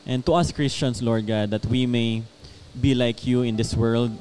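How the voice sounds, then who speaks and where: A man's voice: medium pitch, steady tone, measured pace, darkish tone, slight background noise. A man, a pastor, leading a spoken prayer after agreeing along through a casual discussion. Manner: affirms often, prays fluently. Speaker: pastor and host.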